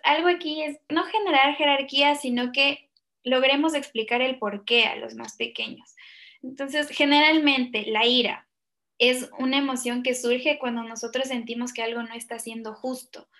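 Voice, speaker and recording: A woman speaking as a guest, explaining her points step by step in a measured way. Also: high voice, fairly even intonation, sharp tone. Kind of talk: explanatory talk.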